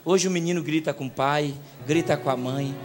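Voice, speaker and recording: Brazilian preacher, high male voice, swings from hush to shouting, live music under him. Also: fairly even intonation, normal speed. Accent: Brazilian Portuguese. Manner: storytelling, swings from quiet to shouting. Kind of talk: sermon.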